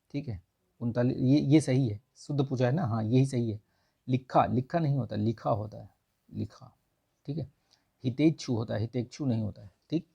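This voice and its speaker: A man's voice: medium pitch, gravelly, dark tone, slightly rough. A man working through exam questions in a casual lesson, repeating checks with his listeners as he goes. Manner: conversational, repeats "ठीक है" often. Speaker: exam prep tutor. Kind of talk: casual lesson explaining test answers.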